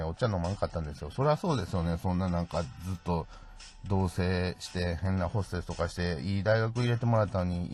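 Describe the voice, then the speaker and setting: A man's voice: sits low, darkish tone. A man hosting a solo true-crime talk, chatty, tagging his sentences with little asides. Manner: chatty, peppers sentences with "ne" tags and wry asides. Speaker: podcast host.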